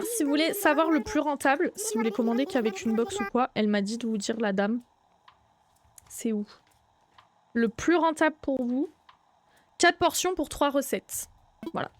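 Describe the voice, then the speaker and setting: A young woman streaming live, chatting casually with her viewers, greeting them by name and breaking into excited outbursts. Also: sits high.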